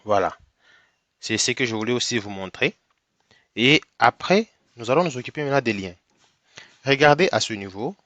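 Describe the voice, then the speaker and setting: A programming tutor with a cold walks through a screen-recorded coding tutorial slowly and step by step, often checking in with "ok?". His mid-range voice has lively intonation and a fairly bright tone, and the recording has no room sound, with the highs cut off.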